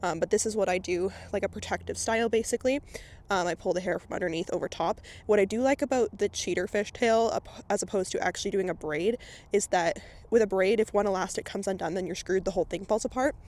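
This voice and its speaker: A woman's voice: mid-range voice, fast, a little mellow. A woman vlogging while she grooms her horse outdoors at a barn. She chats in a rambling way with lots of filler words and sounds out of breath. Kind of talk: casual chatty vlog while grooming a horse.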